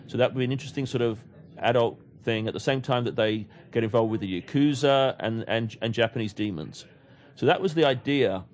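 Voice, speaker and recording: A man's voice: mid-range voice, fairly quick. Rambling English-raised man on a podcast. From England. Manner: rambling, many restarts and repeated words. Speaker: comics writer guest. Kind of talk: casual podcast chat.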